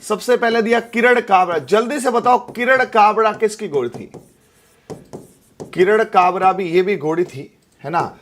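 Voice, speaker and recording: A young man teaches a live exam-prep lesson. His voice sits high for a man. He talks in a chatty, repetitive way and keeps asking the class if they follow. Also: measured pace, fairly bright tone, a little hiss or hum. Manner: chatty, repeats tag questions like "theek hai".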